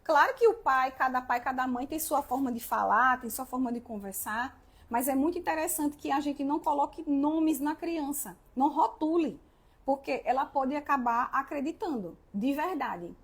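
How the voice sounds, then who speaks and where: Uma mulher jovem que apresenta uma live e fala a outros pais sobre como criar os filhos, de modo sério e animado, e pergunta "né?" a toda hora. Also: female voice, high voice, moderate pace. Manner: earnest, animated, often asks "né?". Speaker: live-stream host, mother giving parenting advice. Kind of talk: casual live-stream talk.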